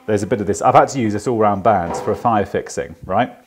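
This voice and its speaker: A man's voice: lowish voice, quick pace, slight background noise. Chatty swearing tradesman on site. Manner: chatty, swears casually, jokey asides. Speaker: electrician vlogger. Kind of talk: casual on-site vlog. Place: house under renovation, indoors.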